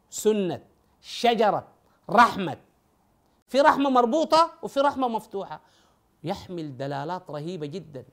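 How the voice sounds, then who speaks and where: A man's voice: high voice, a bit bright. A man giving a methodical lecture on scripture and spelling rules, reciting verses and speaking directly to his listeners. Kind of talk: explanatory religious lecture.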